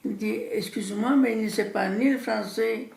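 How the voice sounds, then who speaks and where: A woman in her eighties from Italy, speaking French with an Italian accent as her second language. She tells her story in halting, simple sentences and often repeats words. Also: on the high side, steady tone, gravelly, a little mellow. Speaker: interviewee recounting her immigration. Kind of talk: personal storytelling. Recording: echoey room.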